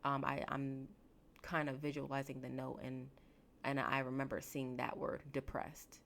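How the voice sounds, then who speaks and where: A woman in her late twenties, a therapist hosting her podcast, reflecting slowly and emotionally with halting restarts. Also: a bass voice, flat delivery, gravelly, a little hiss or hum. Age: late 20s. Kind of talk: reflective solo podcast talk.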